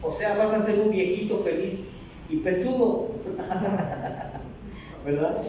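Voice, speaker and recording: A man's voice: high-pitched, takes it slowly, dark tone, far from the mic, slight background noise. A middle-aged man preaching a sermon in a church, joking and asking the congregation questions. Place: church hall. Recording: echoey hall, mic from afar.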